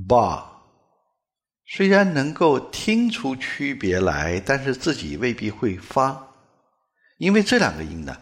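Male pronunciation tutor, native Mandarin speaker from China, fairly low voice, animated delivery, demonstrates sounds with exaggerated repeats. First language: Mandarin Chinese. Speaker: English pronunciation teacher. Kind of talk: spoken lesson with demonstrations.

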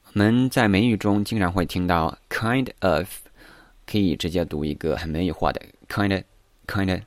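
A man teaching English usage in a morning reading lesson, explaining patiently and then reading English lines slowly. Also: low voice, no echo.

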